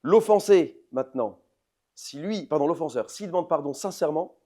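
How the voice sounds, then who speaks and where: Emphatic man lecturing, dark mellow voice. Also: fairly high pitch, lively intonation, fairly quick. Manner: swings between loud emphatic outbursts and soft intimate asides; addresses the audience directly with questions. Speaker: rabbi giving a lecture. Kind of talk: lively religious lecture to an audience.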